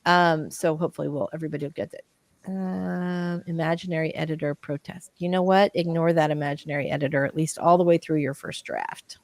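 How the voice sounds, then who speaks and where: A woman's voice: low voice, steady tone, brisk, gravelly, darkish tone, dry recording. A woman co-hosting a casual live-stream chat, reading viewer comments aloud and talking with many restarts. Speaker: livestream co-host.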